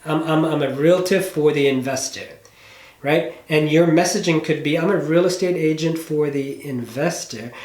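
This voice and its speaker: A business coach with a slightly high, darkish voice talks at a moderate pace on a casual coaching phone call. He explains things conversationally with emphasis and drops in little check-ins, all in a roomy, echoey space.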